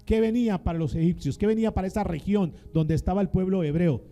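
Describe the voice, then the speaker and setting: A man's voice: sits high, fast talker, dark tone, soft background music. A male pastor preaching a sermon in a dramatic style, calling on the congregation to repeat his words back to him. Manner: dramatic call-and-response preaching.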